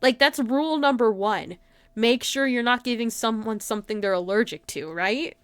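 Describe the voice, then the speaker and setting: A woman hosting a livestream speaks at a moderate pace in a slightly high, clean-toned voice, with no room sound. She keeps things casual and giggly with her audience, often using "like" as filler.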